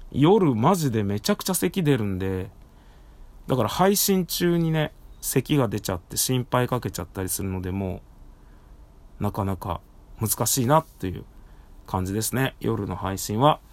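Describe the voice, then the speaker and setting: A man with a hoarse, worn-out throat chatting casually on his own as a podcast host, speaking slightly muffled through a face mask. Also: medium pitch, a little mellow, dry recording. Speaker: podcast host and live streamer. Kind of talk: casual solo talk. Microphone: recorded through a face mask.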